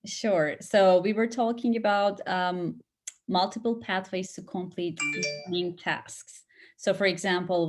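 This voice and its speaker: A woman's voice: on the low side, a little mellow. A woman moderating an online panel on a video call, politely restating questions with examples.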